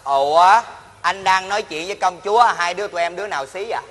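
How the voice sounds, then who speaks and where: A man's voice: high-pitched, quick pace, loud music behind the voice, natural voice. Man playing a kind, cheerful servant. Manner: gentle, comforting. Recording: hall with long reverb.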